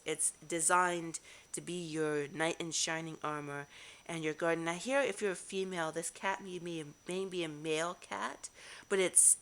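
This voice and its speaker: A woman giving a casual tarot reading to camera, musing aloud with halting restarts. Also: fairly low pitch. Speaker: tarot reader.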